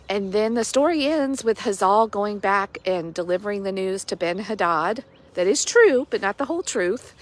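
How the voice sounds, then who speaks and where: A woman life coach filming herself in a park and retelling a Bible story in a casual devotional chat, full of "like" fillers. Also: mid-range voice. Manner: chatty, with many "like" fillers. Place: outdoors in a park at sunrise.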